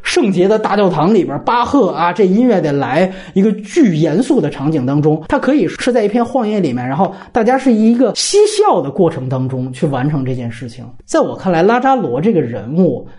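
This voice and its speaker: A man's voice: sits high, brisk, hardly any pauses. A man discussing a film at length in a casual podcast conversation, acting out the lines he quotes. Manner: animated, explains at length, acts out quoted lines. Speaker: podcast host, film critic.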